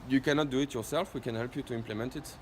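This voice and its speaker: Rapid-fire and mid-range, a French-accented man delivers an informal product demo as a company presenter. He walks through it step by step in an explanatory manner, often checking understanding with tag questions at the ends of points. He is captured in an echoey room amid loud background noise.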